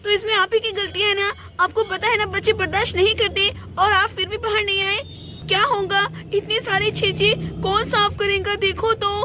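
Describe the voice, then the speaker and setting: A woman's voice: extremely high pitch, level tone, moderate pace. A woman voicing a cross, scolding mother in a doll play, bossing her husband around. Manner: scolding, bossy.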